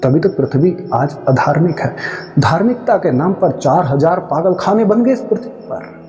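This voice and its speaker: A man giving an emphatic, rhetorical spiritual discourse, scolding his listeners in drawn-out phrases. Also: a little high, animated, dark tone. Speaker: spiritual speaker. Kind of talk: devotional discourse on Kabir's verses. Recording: long reverb with faint music.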